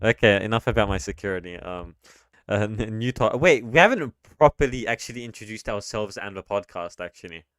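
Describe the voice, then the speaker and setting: A young Australian man co-hosting a late-night podcast, hesitant and low-key with many fillers. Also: lively intonation, fairly quick, fairly bright tone, clean tone, no echo, studio quality. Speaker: podcast co-host. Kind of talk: casual late-night chat.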